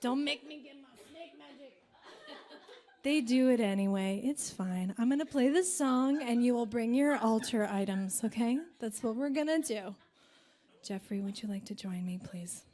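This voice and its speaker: A woman singer leading a spiritual gathering, talking softly and meditatively between songs. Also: a little high. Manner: soft, slow, meditative. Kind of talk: spiritual talk between songs at a live concert.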